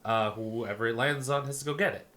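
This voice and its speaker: A man co-hosting a podcast, chatting casually and enthusiastically, rushing through some bursts. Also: mid-range voice, bright, forceful tone. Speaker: podcast co-host. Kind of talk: casual chat.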